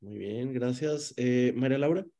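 A man in his forties hosting an online journalism workshop from a room at home, speaking in a measured way with many hesitations. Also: medium pitch, dark tone. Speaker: workshop moderator. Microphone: video call.

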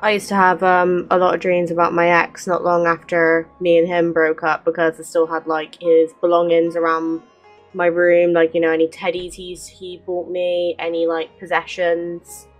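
This streamer, a woman in her twenties, has a lowish voice that stays monotone at a moderate pace. She chats openly over her gameplay and reads the dialogue out loud. She's on a close desk microphone in a small bedroom gaming setup, with game music in the background.

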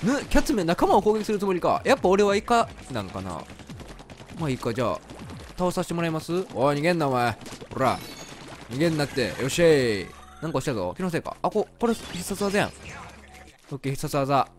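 A man with a Kansai accent giving chatty, excitable commentary while playing a video game. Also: on the high side, fairly quick, slight background noise. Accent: Kansai Japanese. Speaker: game streamer. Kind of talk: let's play commentary. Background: faint game music.

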